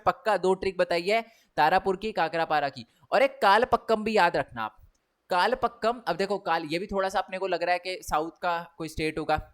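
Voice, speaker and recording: A young male teacher runs a chatty exam revision lesson in a voice that sits high for a man. He keeps tossing in tag questions, checking whether the students follow.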